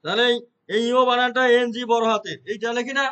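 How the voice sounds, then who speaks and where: A man's voice: extremely high pitch, fairly even intonation, fast talker, a bit bright, smooth, rough recording. A man teaching a computer lesson, explaining step by step and checking his students' understanding with frequent short questions. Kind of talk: classroom lesson.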